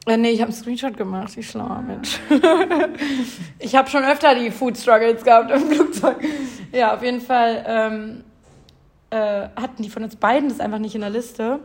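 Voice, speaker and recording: Young woman chatting away, kinda high voice, acts out what ppl said, laughs a lot. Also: normal speed. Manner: animated, acts out quotes, laughs often. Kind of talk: casual chat, storytelling.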